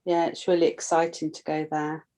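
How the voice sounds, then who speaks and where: A woman's voice: low-pitched, flat delivery, moderate pace, mellow. A woman, a class participant chatting easily on a call. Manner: easygoing, talks at length about her plans. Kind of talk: casual video-call chat.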